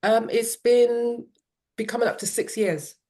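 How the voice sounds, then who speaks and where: A woman's voice: on the high side, steady tone, measured pace, warm tone. A middle-aged woman, a parent and teen coach, telling her story in an interview with an earnest, reflective manner and frequent "um" and "yeah".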